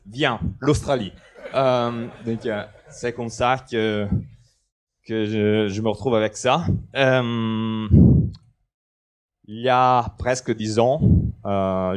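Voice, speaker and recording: A conference speaker from Italy, thirties, gives a technical presentation in a big hall, speaking into a headset microphone. Italian is his first language; his lowish voice comes across relaxed and playful, though he hesitates a lot.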